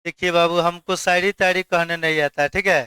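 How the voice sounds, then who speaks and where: Loud high-voiced chemistry teacher. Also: male voice, fairly even intonation, fairly quick, clear, resonant tone, no room sound. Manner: loud, questioning the class, mixing English terms. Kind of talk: classroom lecture.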